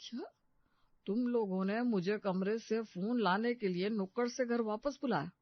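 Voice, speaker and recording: A woman's voice: mid-range voice, normal speed, no echo, close to an everyday voice. A woman voicing a flustered middle-aged father-in-law in a cartoon story, anxious and exasperated. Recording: dull dry recording.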